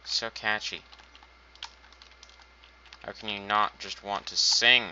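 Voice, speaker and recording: A man's voice: fairly low pitch, fairly even intonation, slow, pushed and bright, slight background noise. A man casually commenting on his own gameplay, thinking aloud while building and making dry, self-mocking asides. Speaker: gaming channel host. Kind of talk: casual let's-play commentary. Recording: dull lo-fi home recording.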